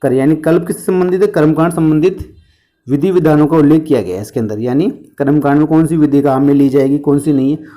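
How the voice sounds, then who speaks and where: A man's voice: a little high, fast talker, warm tone. A man teaching an exam-prep history lesson, asking questions and answering them himself, with memory tricks and jokes.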